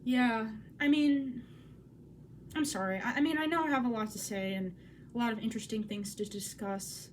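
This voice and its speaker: A woman's voice: fairly high pitch, normal speed, a little hiss or hum. Awkward, rambling young woman vlogger. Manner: awkward, self-interrupting, swears. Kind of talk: casual rambling vlog. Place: at home by a window.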